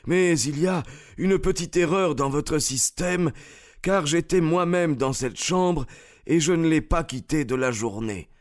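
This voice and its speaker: A man's voice: fairly high pitch, measured pace, voice pushed up, lightly acted. A man voicing an old professor in an audiobook, scoffing and indignant.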